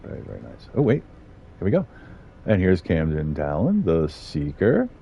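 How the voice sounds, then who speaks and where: A man's voice: low-pitched, huge pitch swings, normal speed, vocal fry, highs cut off, slight background noise. A middle-aged man chatting casually as he streams a game, rambling with fillers and small chuckles. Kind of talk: casual gameplay commentary.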